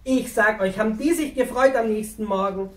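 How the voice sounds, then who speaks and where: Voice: medium pitch, normal speed, distant mic, close to an everyday voice. A performer voicing a friendly male pack donkey who chattily tells a story to children and speaks to them directly. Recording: roomy, from away from the mic.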